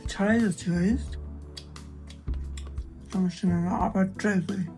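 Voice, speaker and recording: A young man chatting to viewers in a casual late-night cooking vlog, mixing in English words and often speaking softly. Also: sits high, steady tone, normal speed, soft background music, rough recording. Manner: speaks in a hushed voice so as not to wake a sleeping roommate. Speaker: vlogger. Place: small kitchen at night, indoors.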